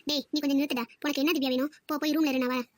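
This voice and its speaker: A doting mother, acted by a woman, fusses and scolds in a fast, high voice. The recording is close and dry, with no room sound. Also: steady tone, no room sound, natural voice. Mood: fussing. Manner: quick, fussing and reproachful. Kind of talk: family skit acting.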